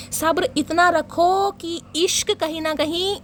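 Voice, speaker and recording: Woman, tarot reader, high voice, teasing and chatty, chants while shuffling, faint noise behind. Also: steady tone, slow, a bit bright. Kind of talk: casual tarot reading to viewers.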